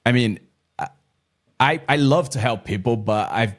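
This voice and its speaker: A man with a Brazilian Portuguese accent, a native Portuguese speaker, hosting an interview in halting English with frequent restarts. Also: medium pitch. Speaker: host, interviewer. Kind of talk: casual interview chat.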